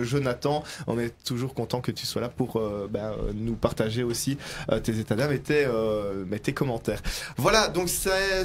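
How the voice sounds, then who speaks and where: A man hosts a live radio chat, pausing often on fillers as he reads listener messages. His voice sits at an ordinary middle pitch. A light background hiss runs under the recording. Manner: hesitant, frequent fillers; reads listener comments aloud. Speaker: radio host.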